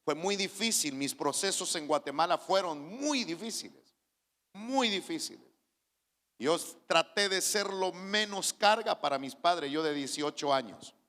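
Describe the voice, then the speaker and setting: A man's voice: fairly high pitch, lively intonation, moderate pace, fairly bright tone. A man, a pastor giving an earnest personal testimony in a sermon, often restarting his phrases. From Chile. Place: church. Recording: reverberant church hall.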